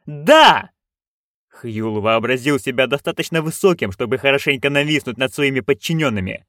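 A man narrating an audiobook in a lively, expressive storytelling manner. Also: mid-range voice, fairly quick, no echo, clean studio sound.

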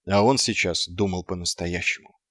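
A man narrating an audiobook with expressive storytelling. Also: sits low, moderate pace, no echo, studio quality.

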